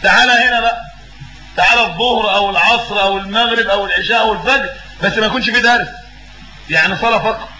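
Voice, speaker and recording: A man's voice: high voice, racing, sharp tone, reverberant, slight background noise, rough recording. A man with an Egyptian accent giving a religious lesson as a preacher. He asks questions and fills in the answers himself, and he repeats words for emphasis. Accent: Egyptian Arabic.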